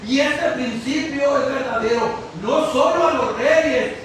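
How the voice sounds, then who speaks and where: A man preaching an impassioned sermon, often shouting and slowing down to stress his words. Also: very high-pitched. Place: church sanctuary. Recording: far from the mic in an echoey church hall with faint hiss.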